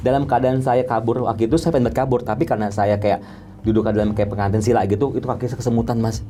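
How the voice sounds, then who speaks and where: With a crowd audible behind him, a makeup artist from Depok, Indonesia, speaks fast in a steady, medium-pitched voice. His interview story is told in casual slang, with vivid "tek, tek" effects for tapping.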